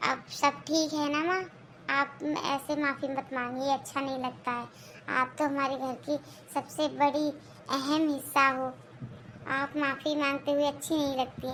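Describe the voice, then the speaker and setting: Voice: sits high, a bit bright, slight background noise, pitched below the performer's own voice. A young voice doing a cheerful cartoon son. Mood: soothing. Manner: reassuring, upbeat. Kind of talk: cartoon voice acting.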